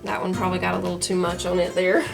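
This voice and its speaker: A woman's voice: on the low side, little pitch movement, very fast, gravelly, music in the background. A woman with a Southern US accent, chatting homily through her garden and kitchen in a casual vlog, laughing easily as she goes. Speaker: home cook and gardener, channel host.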